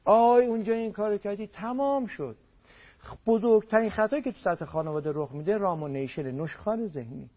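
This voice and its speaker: A man on a radio program as a family counselor, giving marriage advice in an emphatic way and repeating words for stress. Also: high voice. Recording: dull lo-fi radio broadcast.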